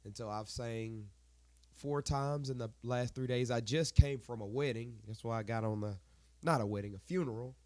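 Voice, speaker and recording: A man's voice: medium pitch, moderate pace, a little mellow, no echo. A congested man chats as a podcast co-host. His voice is worn from singing, and he talks in a rambling way, correcting himself and laughing along as he goes. The sound is dry and close, with little room in it. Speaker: podcast co-host, worship leader. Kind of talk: casual chat.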